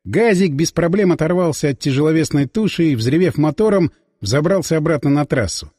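A husky male narrator telling the story in the first person, his pitch rising and falling freely. His voice sits somewhat high for a man. The recording is close and dry, with a long reverb tail behind it. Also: animated, fairly quick, a little mellow. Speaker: audiobook narrator.

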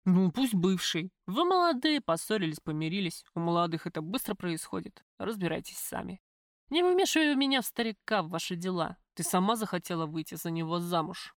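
In this audiobook the figure is an older crime boss, as a woman reader puts him on. He is calm and faintly mocking. His voice is a little lower and sits further from the mic. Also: fairly quick, dry recording, studio quality. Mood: dismissive.

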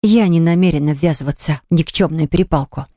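A woman's voice: sits low, fast talker, mellow, no echo, studio quality. A woman voicing an indignant young woman baker who speaks in a shaky, upset voice. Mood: firm.

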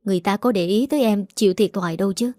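A woman's voice: mid-range voice, rapid-fire, mellow, no echo, clean studio sound, natural voice. Woman playing a firm protective young man. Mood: firm urging. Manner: firm, persuasive.

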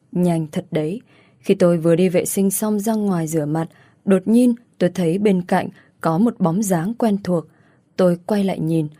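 Female storyteller, first-person narration, steady and measured; mellow low tone. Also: no echo.

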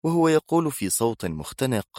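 A man's voice: medium pitch, brisk, no room sound, studio quality. A man reading a thriller aloud in scripted, dramatic narration. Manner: dramatic, expressive storytelling.

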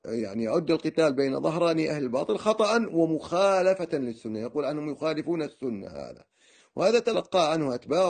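A man's voice: a little high, darkish tone. A man giving a religious lecture, telling of his own studies in a digressive way, with many fillers and restarts. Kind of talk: first-person lecture recounting his studies.

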